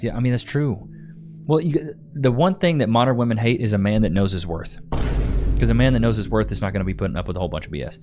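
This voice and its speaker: On his live stream, a young man from Texas reads comments and chats in a relaxed, rambling manner, repeating himself and calling people "bro." His voice is on the low side and a little mellow.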